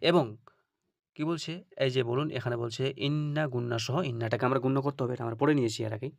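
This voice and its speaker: A man teaching Arabic letter pronunciation in a patient, repetitive way, often checking that students follow and stretching out example words slowly. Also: mid-range voice, fairly even intonation, creaky, dry recording, clean studio sound. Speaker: Quran reading teacher. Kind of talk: instructional video lesson.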